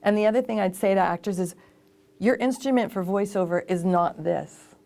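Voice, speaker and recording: A woman voice actor and casting director giving lively, emphatic advice in a conversational interview. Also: mid-range voice, normal speed, gravelly.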